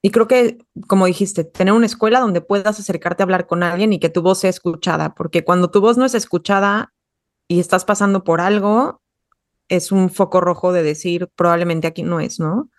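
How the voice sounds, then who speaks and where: A woman's voice: fairly low pitch, a little fast, no echo, studio quality. Woman host asking rambling questions. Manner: asks long, rambling questions. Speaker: podcast host. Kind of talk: casual podcast conversation.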